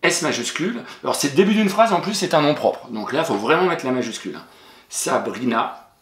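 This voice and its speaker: A man talks a young child through a spelling correction, patient and encouraging, spelling each word letter by letter. His pitch swings up and down in a lively way, and the recording sounds roomy with a noticeable echo. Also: brisk. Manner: addresses the child directly and familiarly. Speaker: primary school teacher.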